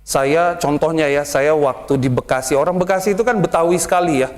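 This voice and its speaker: High-voiced male preacher telling lively stories. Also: a little fast. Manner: lively storytelling, mimics other people's speech. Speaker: pastor. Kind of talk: sermon.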